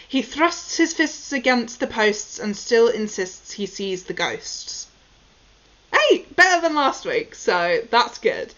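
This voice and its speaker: A woman's voice: on the high side, big pitch swings, takes it slowly, fairly bright tone. A woman talking casually and informally to a recording as she works through articulation exercises, commenting on her own attempts. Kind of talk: casual self-recorded practice commentary with tongue twisters. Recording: dull, lo-fi sound.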